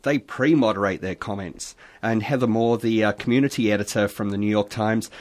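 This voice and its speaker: A man's voice: fairly low pitch, a little fast. A man, an online community moderator, chatting animatedly on a radio panel and telling stories from his work. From Australia. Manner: chatty, animated storyteller who reads posts aloud.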